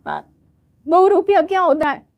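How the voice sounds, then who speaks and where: Casual: woman doing a shrill sassy young bahu, super high and bouncy, always offended. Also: huge pitch swings, slow pace, darkish tone, dry recording, dull audio, exaggerated voice. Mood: indignant. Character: brash young city daughter-in-law, fashion-proud.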